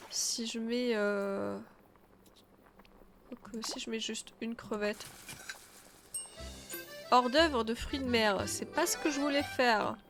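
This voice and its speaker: A woman with a stuffy nose and a slightly high, somewhat bright voice chats casually while streaming a game, thinking aloud and answering her chat. She takes it slowly with long pauses, and faint game music plays in the background.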